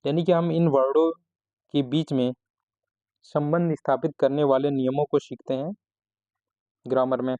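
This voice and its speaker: Slow methodical male grammar teacher. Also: fairly high pitch, steady tone, mellow, no echo. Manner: slow, methodical explaining with frequent restarts. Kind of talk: explanatory grammar lesson. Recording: slightly dull, lo-fi recording.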